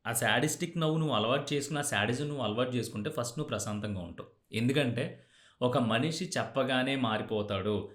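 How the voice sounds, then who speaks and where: A man's voice: mid-range voice, fast, fairly bright tone. A man hosting a motivational podcast, talking directly to the listener. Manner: direct, addresses listener as you. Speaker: podcast host. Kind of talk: motivational talk. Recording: roomy echo.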